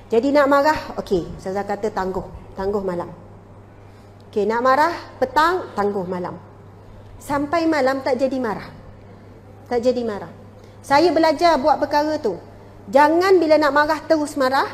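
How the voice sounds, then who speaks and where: A woman with a Malaysian Malay accent giving a lively religious lecture to women, acting out household dialogue. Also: high-pitched, slight background noise. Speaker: female religious teacher. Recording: long hall reverb.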